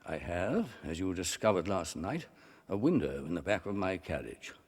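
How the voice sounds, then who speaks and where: A man acts a stern, indignant doctor in a period radio drama. The voice is low and husky, formal yet strongly inflected, and rings with long reverb. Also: sing-song, normal speed, full character voice. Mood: stern, scornful. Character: stern, indignant male doctor warning off a follower.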